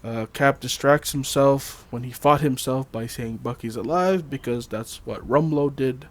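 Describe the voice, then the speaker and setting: A man's voice: mid-range voice, a little slow. Laid-back man chatting about movies. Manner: loose, laughing, uses fillers and swears. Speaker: podcast host. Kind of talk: casual movie-trivia chat.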